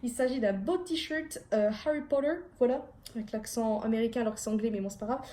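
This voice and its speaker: A woman's voice: fairly high pitch, fast talker, dark tone. A young woman chatting casually at home in a rambling, self-deprecating way, showing her haul to camera. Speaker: vlogger.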